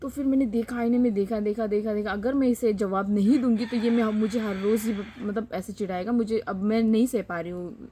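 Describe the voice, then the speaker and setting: A young woman from Northeast India tells her own story to camera in a Northeast Indian Hindi accent. Her voice sits a little high, and she drives her points home by repeating words over and over. A faint background noise runs under her talk. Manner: heated, repeats words for emphasis. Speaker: vlogger. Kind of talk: personal storytelling vlog.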